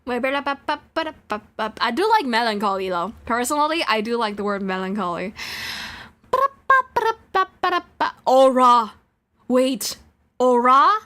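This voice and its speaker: Streaming a visual novel, a woman chats and rambles playfully with her viewers, often singing made-up syllables to herself. Her voice is on the high side, bright and forceful, with lively intonation at a moderate pace.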